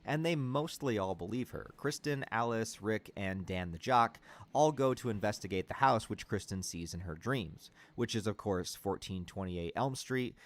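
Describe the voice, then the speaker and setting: A man's voice: fairly low pitch, dry recording. A man giving a casual film critique, with sarcastic, exasperated commentary. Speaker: film reviewer.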